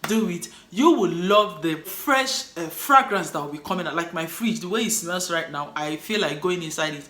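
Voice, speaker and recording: A Nigerian-accented woman chats to camera as a cleaning vlogger, upbeat and encouraging toward her viewers and closing with a motivational sign-off. Her voice sits fairly low with lively intonation, a fairly bright tone, normal speed and few pauses. The room is echoey.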